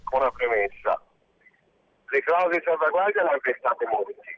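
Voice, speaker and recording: A man phones into a radio talk show on speakerphone while driving on the motorway. He sounds distant and thin through the tinny phone line. He is insistent and argumentative, with a mid-range pitch. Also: lively intonation, brisk, no room sound. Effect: on speakerphone from a car on the motorway. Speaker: caller.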